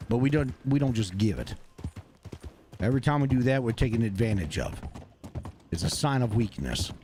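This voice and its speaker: A man, speaking gruffly and bluntly in character during a roleplay game stream, swearing often. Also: medium pitch, lively intonation, normal speed, warm tone, a little hiss or hum.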